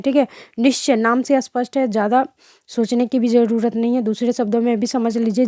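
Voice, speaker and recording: A woman's voice: a little high, dark tone, no room sound, clean studio sound. A young woman teaching an online grammar lesson, who keeps asking rhetorical questions and correcting herself as she goes.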